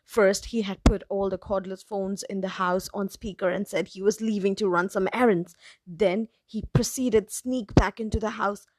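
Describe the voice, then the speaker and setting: A woman narrating a first-person story in a steady, even storytelling voice. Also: mid-range voice, normal speed, no echo, rough recording.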